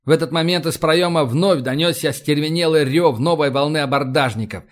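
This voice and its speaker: Man, audiobook narration, scripted, steady measured reading, fairly high voice.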